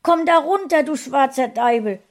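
A woman's voice: fairly high pitch, animated, measured pace, dark tone, voice pushed up. A woman voicing an upset middle-aged housewife who keeps scolding her cat, in a storybook reading. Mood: shrill scolding. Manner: scolding, exclaiming.

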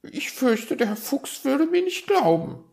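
A woman voicing a fussy, nosy female magpie in a children's audio story, with shrill, flustered chatter. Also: sing-song, unhurried, gravelly, darkish tone, exaggerated voice.

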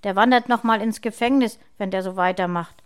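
A woman's voice: mid-range voice, fairly quick, clean tone, lightly acted. Woman voicing a stern mother in her late 30s, firm scolding tone, storybook reading.

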